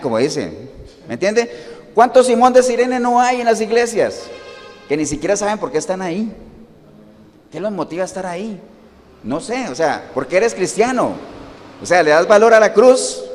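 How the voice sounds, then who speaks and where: A man's voice: high-pitched, darkish tone, big-room sound. A man preaching as a pastor, asking his congregation questions and answering them himself, sometimes acting out the voices in his stories. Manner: acts out quoted voices within the teaching. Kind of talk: sermon.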